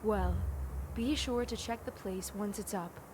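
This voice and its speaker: An actress playing a friendly, coaxing fortune teller in a video game, speaking in inviting patter. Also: female voice, mid-range voice, measured pace, very noisy, lightly acted. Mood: mysterious, advising. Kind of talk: video game character dialogue. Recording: loud music behind the voice.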